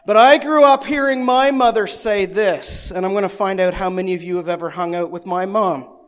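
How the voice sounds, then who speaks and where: A man preaching a sermon as pastor at a church service. He moves from a soft, hushed prayer to lively, emphatic preaching with playful asides and jokes at his own expense. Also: high voice, moderate pace. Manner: playful asides and self-teasing humor.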